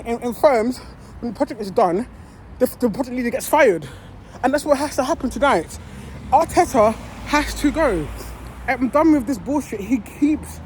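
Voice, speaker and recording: A woman's voice: a little high, a little mellow, slight background noise. Fired up woman ranting about her team, swearing a lot, voice jumping all over the place. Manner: heated, swearing, repeats herself. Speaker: football fan. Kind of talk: angry reaction rant.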